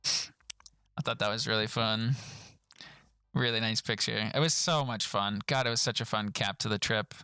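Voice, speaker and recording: A young man chatting casually on a live stream as he reviews trip photos, laughing often and jumping into high voices when he quotes people. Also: steady tone, moderate pace, pauses often, bright, forceful tone, clear, resonant tone, dry recording.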